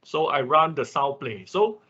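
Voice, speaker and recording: Walking students through a hands-on technical tutorial, an online instructor speaks informally and checks in often with short tags. His voice sits on the high side, with lively intonation, a measured pace, a sharp tone and slight roughness, recorded through a dull computer microphone in an online class.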